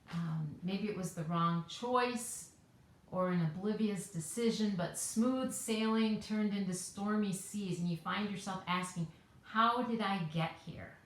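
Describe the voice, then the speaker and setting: Woman, devotional host, casual chatty storytelling, "right?" asides, mid pitch, very echoey room. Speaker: host of a weekly devotional video.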